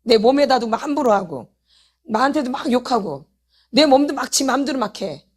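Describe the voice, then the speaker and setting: A woman's voice: a little high, expressive, moderate pace. A woman, a pastor's wife leading a healing meeting, preaching a sermon and pressing her congregation with repeated rhetorical questions. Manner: addresses the congregation directly, calls for repentance.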